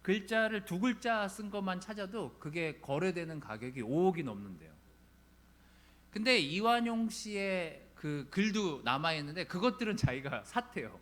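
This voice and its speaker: Animated high-voiced male pastor preaching. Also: moderate pace. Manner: animated, conversational preaching with rising emphasis. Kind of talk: sermon.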